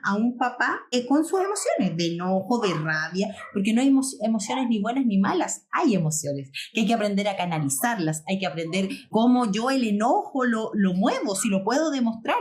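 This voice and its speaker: Earnest Chilean woman, higher voice. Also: a little mellow. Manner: earnest, explanatory, acts out quoted parents. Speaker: inner child healing specialist. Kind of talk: live stream conversation.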